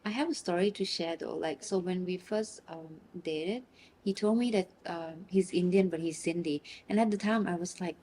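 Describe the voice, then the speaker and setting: Thai-native woman, interviewee, animated storyteller, lowish pitch, slight noise. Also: normal speed, poor audio. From Thailand. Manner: lively, animated when telling stories, laughs. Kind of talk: casual interview chat.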